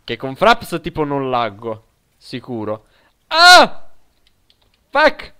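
A young Italian man streaming a shooter game, excitedly yelling during fights and muttering quietly between them. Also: mid-range voice, slow pace, smooth. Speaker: gaming streamer. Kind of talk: live gameplay commentary.

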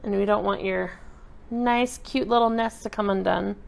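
A woman talks through a step-by-step craft tutorial in an easy, chatty way as she works. Her voice sits at a middle pitch and has a gravelly edge. She sounds like she is at a table indoors. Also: normal speed. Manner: relaxed, chatty explaining while working with her hands. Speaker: craft instructor.

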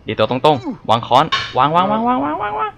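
A young man commenting on his own gameplay, excitable, yelping and exclaiming and talking to himself as he plays. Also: high voice, brisk, creaky, background noise. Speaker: gaming YouTuber. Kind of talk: let's play commentary. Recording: music playing behind the voice. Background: game music.

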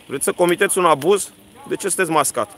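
Male street reporter, fairly high voice, pushy rapid-fire questioning, outdoors on a phone camera. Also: a bit bright. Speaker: journalist filming a street confrontation. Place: outdoors on a street by a guarded villa. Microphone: handheld phone camera.

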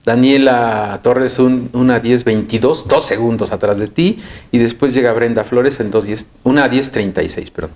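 A woman's voice: very deep voice, normal speed, darkish tone. A woman interviewing a runner, reading off race results between brief affirmations. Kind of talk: casual interview.

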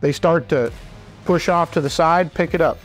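A presenter in his forties explains things folksily and informally to camera in a small wooden workshop indoors. He speaks at a normal speed in a fairly high voice. Loud music plays over the recording.

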